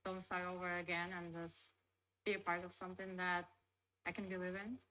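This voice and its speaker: A woman's voice: on the low side, level tone, moderate pace, sharp tone, rough recording. A woman from Russia speaking English with a Russian accent as an interview guest. She chats loosely, filling her sentences with "like" and "you know". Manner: chatty, loose phrasing full of "like" and "you know". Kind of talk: casual interview.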